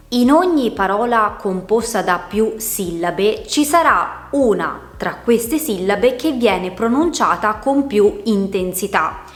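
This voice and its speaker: Slow, careful woman teacher. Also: medium pitch, echoey room. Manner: spells out words syllable by syllable. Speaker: Italian teacher. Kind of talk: slow, clear explanatory lesson.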